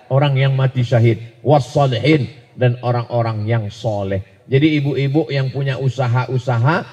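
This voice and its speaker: A man preaching a humorous dawn sermon in a mosque, telling jokey stories and swinging between soft asides and loud exclamations. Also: mid-range voice. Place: large mosque. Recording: reverberant mosque hall.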